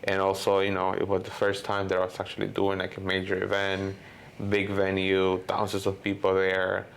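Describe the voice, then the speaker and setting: Interview guest, man from Honduras, 30s: deep gravelly voice, casual and rambling. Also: completely flat delivery, normal speed. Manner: rambling, lots of "you know" and "like" fillers. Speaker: guest filmmaker.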